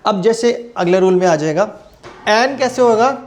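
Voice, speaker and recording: Here a male teacher, his voice sitting high with lively intonation, runs an exam-prep English grammar lesson in Hindi. He slowly reads the English examples and asks the class questions that he answers himself.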